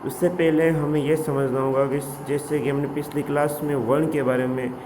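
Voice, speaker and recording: A male teacher giving a grammar lesson, explaining slowly and often asking his students questions. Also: a little high, flat delivery. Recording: echoey room with faint background noise.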